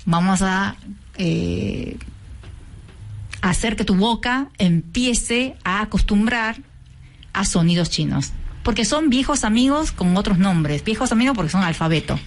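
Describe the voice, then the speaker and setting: A woman's voice: medium pitch, animated, unhurried. A woman with an Argentine accent, president of a cultural association, patiently explaining lessons in a radio interview. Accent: Argentine Spanish. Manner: patient, teacherly, sings out tones to demonstrate.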